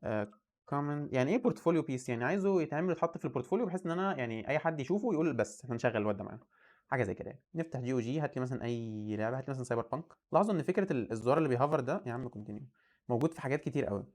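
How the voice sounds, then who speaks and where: A man's voice: mid-range voice, expressive, very fast, a little mellow. A young man in his twenties with an Egyptian Arabic accent, the host of a coding channel, chatting casually and thinking aloud as he browses and comments on what he sees. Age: 20s. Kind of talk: casual screen-share commentary.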